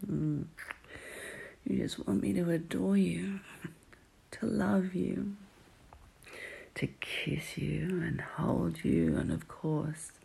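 A woman performing an intimate whispered roleplay audio, teasing and murmuring softly in a low whisper. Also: expressive, slow pace, creaky, pauses often, breathy edge.

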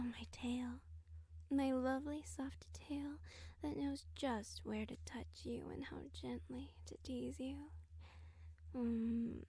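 A woman performs a sultry, dominant royal creature in an intimate whispered role-play. Her voice is very breathy and soft-edged, slow and hypnotic, with little melodic swing. She teases and commands right at the listener's ear. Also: a little high, dry recording, heavily acted. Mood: teasing, dominant. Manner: slow, seductive, commanding, teasing. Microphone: very close microphone, dry.

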